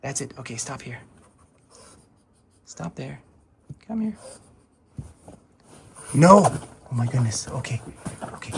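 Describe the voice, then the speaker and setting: A man in a casual vlog, talking to his dogs in a soothing, reassuring way and repeating himself to calm them. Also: medium pitch, moderate pace, creaky, pauses often, slight background noise. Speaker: dog owner filming his dogs. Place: in and around a car at a vet clinic.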